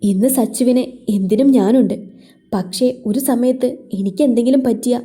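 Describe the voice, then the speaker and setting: A woman voicing a gentle, caring elder brother and husband who speaks softly and soothingly. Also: extremely high pitch, normal speed. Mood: earnest.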